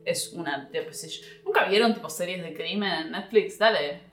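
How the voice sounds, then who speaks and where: A woman's voice: on the low side, moderate pace, fairly bright tone, reverberant, faint music behind. Rambling Argentine woman co-host. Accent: Argentine Spanish. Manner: rambling, mixes English phrases. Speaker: podcast co-host. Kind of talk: chaotic casual chat on a livestream.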